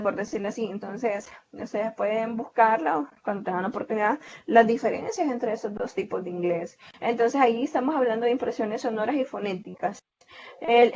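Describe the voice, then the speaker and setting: A woman with a Salvadoran Spanish accent teaches an online class, her voice sitting a little high. She explains patiently, padding her points with fillers and quick self-corrections. The video-call audio comes through muffled and dull. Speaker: online tutor.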